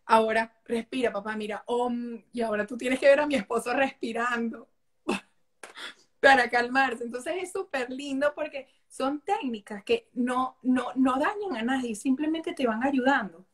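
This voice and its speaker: A woman, a holistic therapist, chatting as an interview guest and telling family stories warmly. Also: sits high, moderate pace. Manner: warm storytelling, acts out family quotes. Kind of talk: casual interview conversation.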